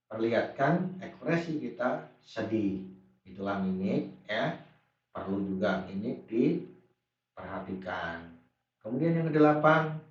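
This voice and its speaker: A man's voice: mid-range voice, very echoey. Man, teacher, recorded class lesson, patient explainer, distant mic, dull lo-fi sound. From Indonesia. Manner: patient, repeats points, answers pupils' imagined questions.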